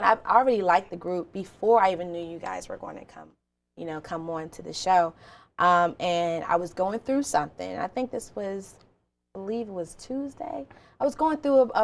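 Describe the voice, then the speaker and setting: Effusive woman talk show host. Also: fairly low pitch. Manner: effusive, rambling, emotional. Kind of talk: casual interview chat.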